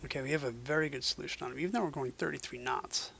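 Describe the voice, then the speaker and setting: A man's voice: mid-range voice, racing, gravelly, fairly bright tone, a little hiss or hum. A man streaming a game, giving casual commentary mixed with spoken commands.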